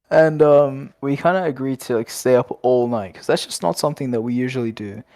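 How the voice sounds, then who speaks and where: A man's voice: mid-range voice, moderate pace, a little mellow, dry recording. A young Australian man co-hosting a casual late-night podcast, rambling and joking with frequent laughs. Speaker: podcast co-host.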